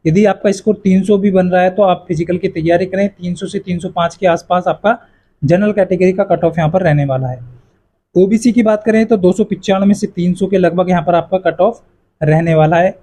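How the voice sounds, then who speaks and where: Speaking in a mellow voice that sits high, this man runs an exam-prep YouTube channel and explains cutoff marks to students he treats as friends. He's relaxed and reassuring, repeats himself a lot, and keeps dropping "yahan par" and "jo hai."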